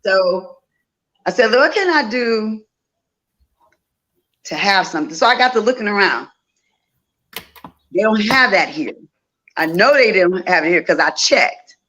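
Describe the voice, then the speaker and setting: This Louisiana woman in her fifties, a festival organizer appearing as an interview guest, shares casual stories and repeats phrases for emphasis. Her medium-pitched voice has lively intonation and a slightly bright tone, unhurried with frequent pauses. The recording is muffled.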